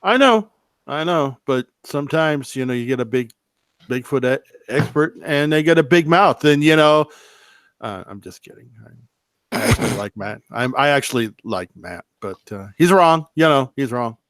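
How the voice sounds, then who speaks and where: A man chatting casually on a podcast, halting and repeating himself as he argues his points. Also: medium pitch, animated, fairly bright tone, dry recording. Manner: halting, repetitive, argumentative. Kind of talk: casual chat.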